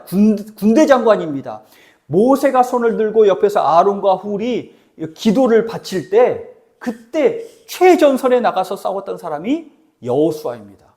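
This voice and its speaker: A male pastor preaching a sermon, asking his congregation questions and dropping from loud exhortation to near-whispers. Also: high-pitched.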